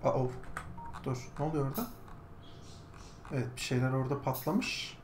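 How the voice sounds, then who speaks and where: A woman with a low voice and a lively, bouncing delivery chats her way through a building game. She speaks casually to her viewers and sometimes turns to soothe a squawking pet bird. The recording sits in an echoey room with clear background noise. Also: normal speed. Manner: chatty, talks to her pet bird in a high coaxing voice. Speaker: gaming streamer. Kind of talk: casual gameplay commentary.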